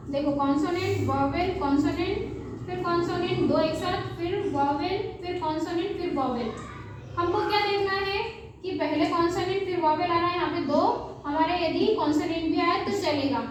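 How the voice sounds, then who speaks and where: High-voiced woman teaching phonics in an echoey room. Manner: asks and answers her own questions, spells letters slowly. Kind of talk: phonics lesson for beginners. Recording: very echoey room, voice from far off, faint background hum.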